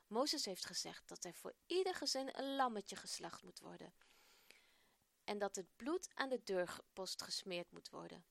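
Gravelly-voiced woman reading a children's story. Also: mid-range voice, fairly bright tone, no echo. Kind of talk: read-aloud children's Bible story.

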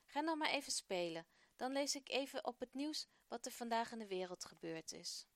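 A woman reading the part of a kind, patient father, speaking gently and encouragingly. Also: a little high, lively intonation, normal speed, dry recording. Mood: gentle. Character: kind patient father, middle-aged man.

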